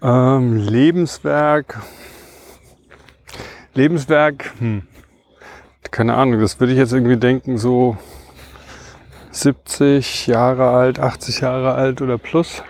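A man's voice: mid-range voice, fairly even intonation, takes it slowly, pauses often, a little mellow. A man co-hosting a casual podcast, chatting while running outdoors. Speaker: podcast co-host. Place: outdoors, on the move.

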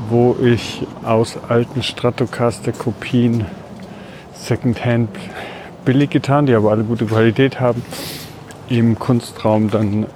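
A man with a mid-range voice chats as a podcast co-host while walking. His explanations ramble and correct themselves, with light outdoor noise behind him. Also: mid-range voice. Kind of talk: casual chat while walking. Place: outdoors on a city route beside railway tracks. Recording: outdoor ambient noise, passing vehicles.

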